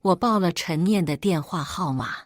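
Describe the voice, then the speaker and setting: A woman reading a first-person family drama aloud in a steady, emotional storytelling manner. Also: lowish voice, moderate pace, dry recording, clean studio sound.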